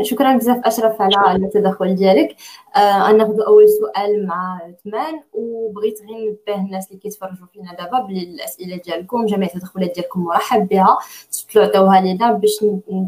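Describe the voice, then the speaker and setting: A woman's voice: mid-range voice, steady tone, very fast, darkish tone, poor audio. A woman with a Moroccan accent moderating an online discussion.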